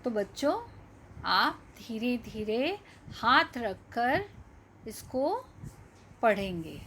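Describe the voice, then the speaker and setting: A woman teaching young children to read, speaking at a very slow, deliberate pace. Her voice sits fairly high. She draws out each word and repeats questions for the class. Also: very animated, fairly bright tone, slight background noise. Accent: Hindi. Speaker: primary school teacher. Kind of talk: children's reading lesson.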